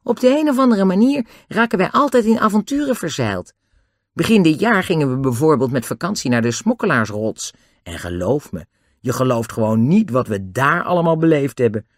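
A man doing a calm, brave boy. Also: fairly high pitch, a little fast, no room sound, clean studio sound, voice pushed up. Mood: steady. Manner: calm, steady, cheeky.

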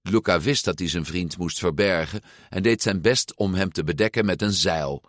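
A man reading a children's story aloud with expressive, lively intonation. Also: low voice, normal speed, dry recording, clean studio sound. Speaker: storybook narrator. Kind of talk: storybook read-aloud narration.

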